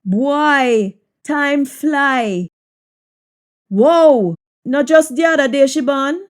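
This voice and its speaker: Female language teacher, Jamaican Patois, slightly high voice, very unhurried, repeats example sentences deliberately. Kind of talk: Jamaican Patois lesson, practice sentences said in English then repeated in Patois.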